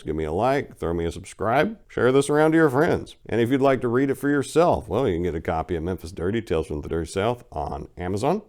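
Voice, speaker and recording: A show host voices his own crime fiction dramatically and comments to his listeners in a relaxed, folksy, emphatic style full of colloquial speech. His voice sits on the low side, with a darkish tone.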